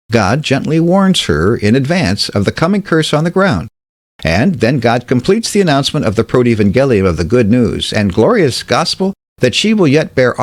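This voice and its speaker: A man giving a scripted Bible study talk, measured and emphatic, slowing down to stress key words. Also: mid-range voice, no echo. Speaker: Bible teacher.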